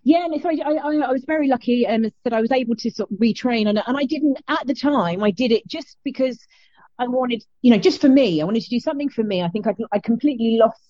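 A middle-aged woman with a South London accent, chatting casually as an interview guest in a halting, self-interrupting way over a muffled remote call. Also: a little high, warm tone, no echo. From South London, England. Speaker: fitness instructor, interview guest.

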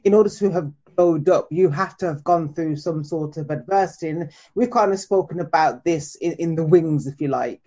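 A woman's voice: deep voice, normal speed, hardly any pauses, warm tone. A British woman interviewing as host in an encouraging, effusive way, on a slightly dull-sounding remote call. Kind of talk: casual interview.

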